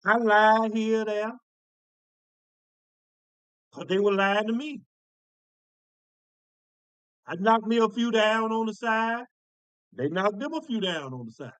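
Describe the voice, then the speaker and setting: A man delivers a sermon in a high, ringing voice. He talks in a folksy, emphatic way, repeating phrases and stretching out key words for weight. The sound is dry and close. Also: slow, long pauses, a bit bright, clear, resonant tone, no room sound, highs cut off. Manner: folksy, emphatic preaching with repetitions. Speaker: preacher.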